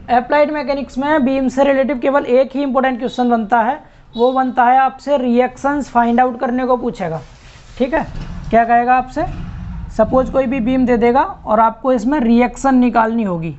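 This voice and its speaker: A man's voice: very high-pitched, a little mellow. A man teaching an online lecture, explaining step by step and repeating key terms. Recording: muffled lo-fi recording.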